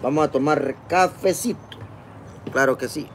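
With a fairly high pitch, vocal fry and a moderate pace, a man in his forties speaks with a Honduran Spanish accent as he casually greets viewers by name, reading chat on a phone livestream. He's seated at a table outdoors in a park, eating, with the phone camera close up and a little hiss or hum present.

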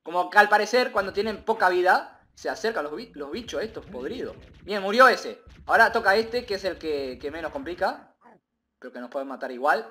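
Brief: male gamer, rambling live commentary, very lively swooping delivery. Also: high-pitched, fairly quick. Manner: excitable, rambling, repeats himself, bursts into shouts. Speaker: gaming video creator.

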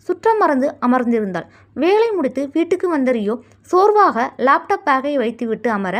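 A woman reading a story aloud, in expressive, measured narration. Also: high-pitched.

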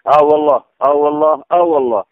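A man's voice: a little high, rapid-fire, no room sound. A tearful man on a phone call, pleading and swearing oaths over and over in a sing-song way. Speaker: caller. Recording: tinny dry phone line.

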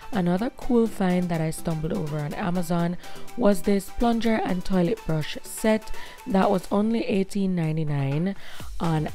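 A woman in her thirties with a hoarse voice, giving a chatty voice-over walkthrough as a vlog host. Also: on the low side, warm tone. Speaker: host of a home makeover vlog.

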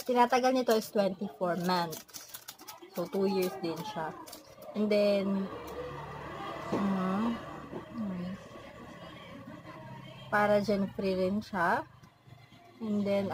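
A Filipino woman with a hoarse, partly lost voice, speaking softly in a casual makeup review from her bedroom. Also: medium pitch, steady tone, slow, long pauses. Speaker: beauty vlogger. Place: her bedroom in a family house. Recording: noisy home room with TV behind. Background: TV and relatives' noise from nearby rooms.

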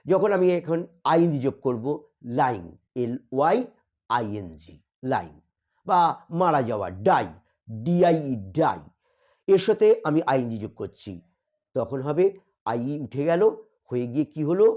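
Lively man teaching English grammar. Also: on the high side, muffled recording. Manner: explains step by step, spells words letter by letter, slows for English examples. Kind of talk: grammar lesson.

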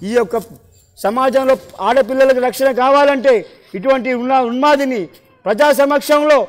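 A man making a forceful, emphatic public demand, speaking slowly. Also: extremely high pitch, fairly even intonation.

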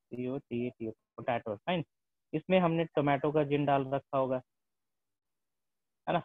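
A male teacher lecturing a class, often dropping English terms into his speech and asking the students whether they follow. The sound is thin and phone-like, with a dry, close feel and no room echo. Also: on the high side. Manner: mixes English terms into Hindi, repeats tag questions.

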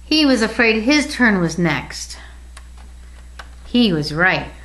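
An older woman reading a children's picture book aloud with gentle, expressive pacing. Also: mid-range voice, takes it slowly, rough recording. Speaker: storybook reader.

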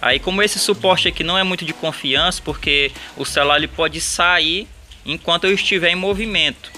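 A Brazilian man with a slightly high voice walks viewers through a homemade setup. His delivery is casual and hands-on, with faint music behind it. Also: a little fast, sharp tone. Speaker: vlogger showing a DIY setup.

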